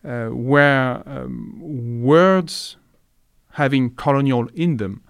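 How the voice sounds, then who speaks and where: A man's voice: medium pitch, drawn-out words, clean tone, no room sound, clean studio sound. A man hosting an academic interview podcast, hesitant and searching for words as he frames questions. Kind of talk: conversational interview.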